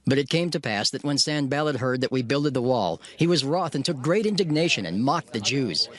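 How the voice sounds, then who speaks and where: Over loud background music, a man reads dramatized scripture in a slow, solemn cadence. His pitch is medium, yet his intonation stays lively.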